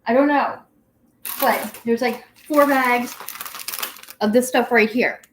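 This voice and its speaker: A woman's voice: fairly high pitch, fairly even intonation, slow, a little hiss or hum. A young adult woman hosting a casual home livestream, rambling as she reads viewer comments aloud. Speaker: guinea pig channel host. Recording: echoey room.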